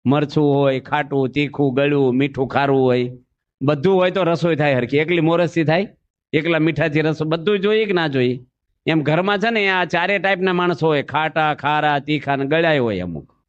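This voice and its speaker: A man giving a folksy sermon, telling stories, acting out voices and asking the audience questions. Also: fairly high pitch. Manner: storytelling, asks the audience questions, acts out voices. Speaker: monk preacher. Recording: dull lo-fi recording.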